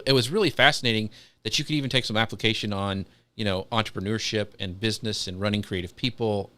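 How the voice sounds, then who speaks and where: A man's voice: on the low side, bright, forceful tone. A man co-hosting a live podcast, chatty and rambling, with many ums and restarts. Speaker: podcast co-host. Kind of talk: casual live podcast chat.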